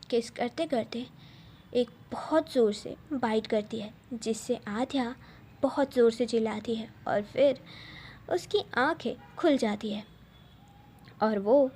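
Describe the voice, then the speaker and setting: A woman narrating a romance story aloud in slow, halting short phrases. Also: on the high side, a little mellow, slightly rough.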